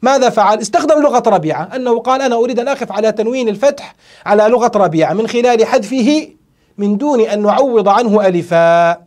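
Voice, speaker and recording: A sheikh explains grammar and verse in a lecture, his voice notably high for a man. He talks quickly, then slows to stretch out and repeat the key phrases he wants to stress. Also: animated, a little mellow. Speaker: sheikh teaching a classical poem.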